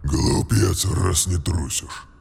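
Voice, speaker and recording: A man's voice: deep voice, takes it slowly, darkish tone, long reverb tail, voice pushed down, heavily acted. A man voicing a brutal old orc chieftain who barks orders in a growling voice. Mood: menacing. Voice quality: gravelly, growling.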